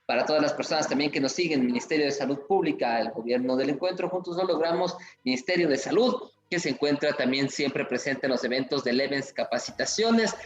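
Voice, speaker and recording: A man's voice: mid-range voice, brisk, few pauses, muffled recording. A man hosting an online conference, effusive and promotional, reading out viewer comments. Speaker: event host. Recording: echoey room with faint music.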